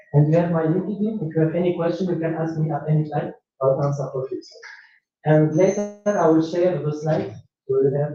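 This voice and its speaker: This man's voice is on the high side and mellow, picked up from afar by a dull, echoey room mic in a large conference hall. A speaker from Tunisia giving a technical presentation, he hesitates often, with plenty of fillers, restarts and non-native phrasing.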